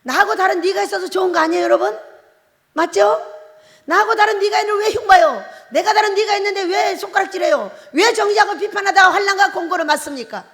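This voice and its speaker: A woman pastor from Korea's Jeolla Province delivers a sermon in a very high voice. She preaches emphatically, pressing rhetorical questions on her listeners. The sound carries a long reverb from a large chapel. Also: quick pace, fairly bright tone. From Jeolla Province, South Korea. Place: prayer retreat chapel.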